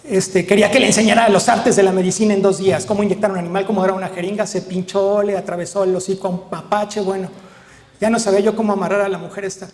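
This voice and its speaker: A middle-aged man with a Mexican accent, a veterinarian telling lively anecdotes to an audience and acting out the dialogue. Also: sits high, fast, long reverb tail. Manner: lively storyteller, acts out dialogue, frequent tag questions. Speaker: veterinarian giving a talk.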